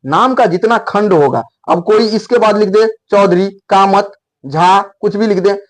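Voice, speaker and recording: A man's voice: sits high, measured pace. A man teaching English grammar in Hindi, explaining patiently and repeating key points with emphasis. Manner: repetitive, emphatic teaching, spells out letters.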